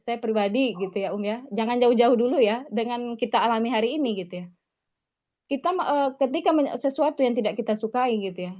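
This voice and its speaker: A woman's voice: fairly high pitch, darkish tone. Female religious teacher on a slightly muffled call. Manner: conversational, tags phrases with 'gitu ya'. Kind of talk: online religious study lesson. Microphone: video call.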